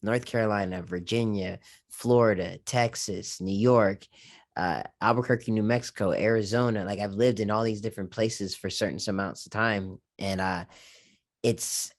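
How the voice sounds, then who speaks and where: A man with a low voice, chatting as a guest on a podcast. He tells stories in an easygoing, casual way and leans on fillers as he goes. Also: steady tone, normal speed. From Japan. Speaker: guest content creator. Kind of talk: relaxed podcast conversation.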